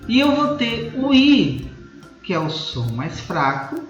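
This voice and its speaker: A Brazilian Portuguese-accented male teacher with a high, lively voice, explaining step by step and checking in with his class often. The recording is dull and lo-fi, with a roomy echo and faint music underneath. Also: slow pace. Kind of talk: recorded grammar lesson.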